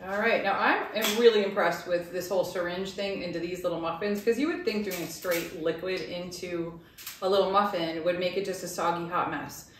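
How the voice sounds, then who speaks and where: A woman co-hosting a home cooking show, chatting casually about a recipe, bubbly and quick to laugh, recorded in a kitchen. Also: on the low side, steady tone, a little hiss or hum. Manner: bubbly, laughs often, playful. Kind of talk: casual cooking demo chat. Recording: very echoey room, mic far off.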